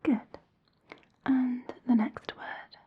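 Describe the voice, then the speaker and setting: Female ASMR whisperer, gentle, reassuring, fairly high pitch, very close mic. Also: steady tone, phone-quality sound, background noise. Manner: soft, slow, reassuring instructions. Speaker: ASMR roleplay hearing examiner.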